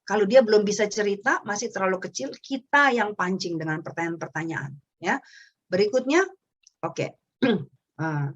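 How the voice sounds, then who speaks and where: A woman's voice: mid-range voice, expressive, moderate pace, muffled recording. A woman giving a parenting webinar talk, explaining step by step and acting out what a parent might say to a child. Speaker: parenting speaker.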